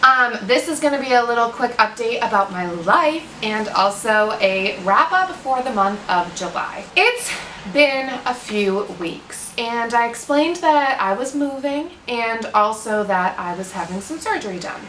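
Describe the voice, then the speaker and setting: A young American woman chatting casually as a book vlogger, with informal, animated asides. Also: on the high side, unhurried. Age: young adult. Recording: roomy, distant mic, faint noise.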